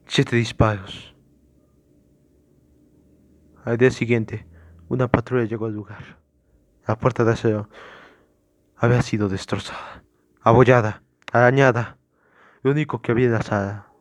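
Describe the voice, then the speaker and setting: A man hosting a podcast, reading his own horror story aloud with casual, hesitant asides between measured narration. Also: medium pitch, dry recording, clean studio sound.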